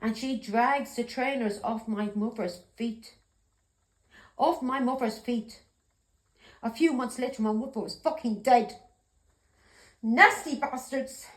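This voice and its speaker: A woman's voice: on the high side, unhurried, pauses often, reverberant, rough recording. Blunt, heated woman tarot reader. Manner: blunt, heated, swears often, repeats "yeah?". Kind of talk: emotional tarot reading monologue.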